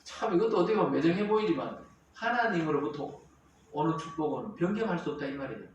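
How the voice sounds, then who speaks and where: Animated preaching pastor in an echoey hall. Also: male voice, fairly high pitch, fast, slight background noise. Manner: animated preaching with call-and-response. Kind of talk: sermon. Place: church sanctuary. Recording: roomy church hall, mic at a distance.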